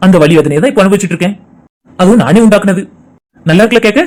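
A man's voice: high voice, rapid-fire, close to an everyday voice. A man voicing a heartbroken young lover in a cartoon, sorrowful and subdued. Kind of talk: cartoon voice acting.

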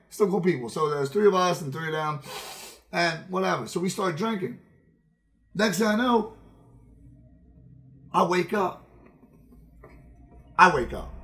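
A game streamer with a high-pitched voice spins casual, foul-mouthed stories during a livestream from his indoor streaming room. His delivery is lively and emphatic, with phrases repeated for emphasis.

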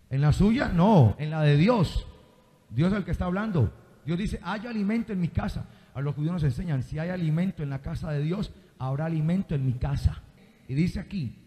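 High-voiced preacher quizzing his flock. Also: a little mellow. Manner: quizzes the congregation with call-and-response questions. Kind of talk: sermon. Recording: reverberant hall.

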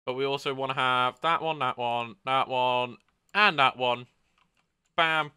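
A man's voice: medium pitch, a little slow, bright, forceful tone, clear, resonant tone, no echo, studio quality. Upbeat man streaming a train game. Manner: upbeat, chatty, with sound-effect exclamations. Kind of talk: casual gameplay commentary.

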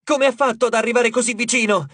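A man voicing a quick-thinking teenage girl strategist who fires off urgent questions. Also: very high-pitched, creaky, fairly bright tone, no room sound, pitched above the performer's own voice, full character voice.

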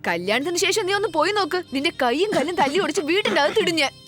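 A woman voicing a headstrong sharp-tongued village girl. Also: medium pitch, expressive, a little fast, soft background music, close to an everyday voice. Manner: bold, sharp-tongued, demanding. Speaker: dubbing actress voicing the heroine. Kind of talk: Malayalam film dub acting.

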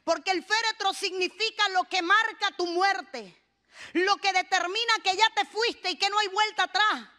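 A woman's voice: very high voice, steady tone, moderate pace, sharp tone. A woman pastor preaching a sermon with rising fervor, calling the congregation to repeat after her.

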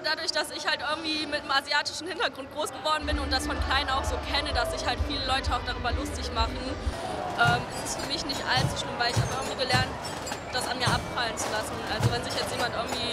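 A young woman with a high, quick voice gives a thoughtful street interview answer, hedging as she goes. Loud music and a heavy crowd fill the background. She speaks into a handheld mic outdoors. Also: little pitch movement. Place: outdoors in a city during carnival.

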